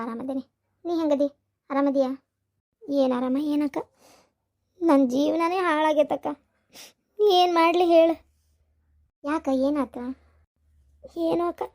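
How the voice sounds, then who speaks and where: A woman's voice: sits high, unhurried, pauses often, a little mellow. A woman voicing a heartbroken young abandoned cartoon wife who complains plaintively, with a North Karnataka Kannada accent. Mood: sad.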